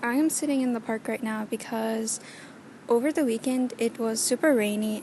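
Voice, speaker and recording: A woman's voice: a little high, vocal fry, a little mellow, slight background noise. A woman chatting casually for a vlog outdoors in a park, talking into her earbuds mic. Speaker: vlogger. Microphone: earbuds headset mic.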